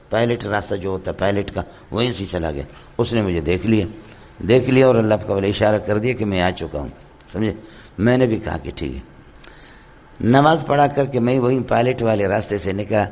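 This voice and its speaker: A hoarse man giving a Quran commentary lecture in a madrasa, telling stories and often checking that his listeners understand. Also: mid-range voice, a little mellow. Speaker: Quran teacher.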